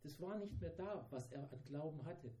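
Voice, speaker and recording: A man's voice: fairly high pitch, lively intonation, normal speed, warm tone, reverberant, low-quality recording. A man preaching a sermon in a dramatic way, acting out the voices of the people in the story. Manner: dramatic, acts out the disciples' voices.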